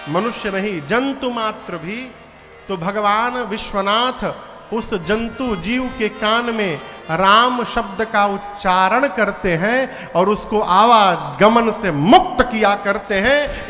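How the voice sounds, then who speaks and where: A man's voice: high voice, bright, forceful tone. A man giving a melodic devotional discourse to a live audience, chanting verses and telling stories. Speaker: spiritual preacher, storyteller. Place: large hall before a live audience. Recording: reverberant hall with flute music.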